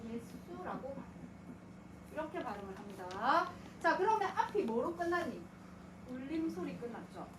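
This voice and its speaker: A woman's voice: sits high, big pitch swings, moderate pace, background noise. A woman teaching a grammar lesson, asking questions and answering them herself, sometimes putting on a student's voice. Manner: asks and answers her own questions, voicing students. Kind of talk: lecture. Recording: echoey room, mic at a distance.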